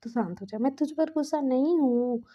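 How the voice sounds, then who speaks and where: A woman reads out a young man, an angry older brother, who scolds and demands answers. The voice is husky and deeply mellow. The recording sounds dull and lo-fi. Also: moderate pace. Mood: soothing.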